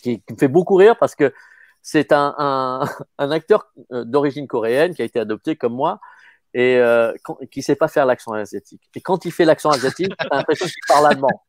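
A man's voice: medium pitch, no room sound. Stammering man in his fifties, dry sound. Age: 50s. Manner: halting, stammering repetitions. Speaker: actor guest. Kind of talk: casual interview talk.

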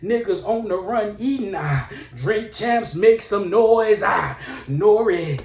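A man voicing a fiery mock preacher in a parody sermon, with a whooping, drawn-out preacher cadence. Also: sits high, lively intonation, voice pushed up, heavily acted. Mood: rousing preaching. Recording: roomy, distant from mic.

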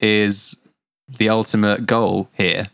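A man's voice: fairly low pitch, level tone, takes it slowly, gravelly, fairly bright tone, clean tone, dry recording, clean studio sound. A young adult man riffing in casual comedic banter, playful and laughing often.

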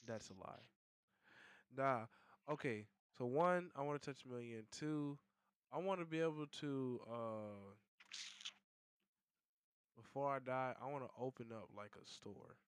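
Young man, casual podcast host, laid-back profane banter, medium pitch, dry close sound. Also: measured pace, long pauses, clear, resonant tone, no echo. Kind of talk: casual chat.

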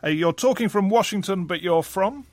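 A man's voice: high-pitched, animated, moderate pace, dry recording. Dry-voiced male panel host, wry. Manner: wry, conversational, chuckles between questions. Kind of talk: hosting a panel discussion.

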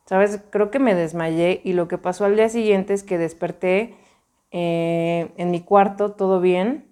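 A young woman with a Mexican accent speaks a little slowly in a fairly low voice with fairly even intonation and a dark, clear, resonant tone. She tells a personal story in a slangy, emphatic, casual manner, with many repetitions.

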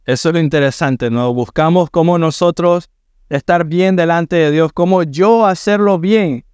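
Middle-aged male pastor, sermon, smooth resonant voice, dry close sound, earnest and emphatic. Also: a little high, normal speed, darkish tone, dry recording. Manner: earnest, rising to emphatic preaching.

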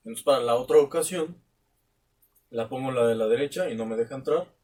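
A young man with a Mexican accent telling a long, animated anecdote in casual chat, swearing freely and acting out both sides of the dialogue. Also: medium pitch, brisk, recorded from a distance. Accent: Mexican Spanish. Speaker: podcast co-host. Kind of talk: casual storytelling.

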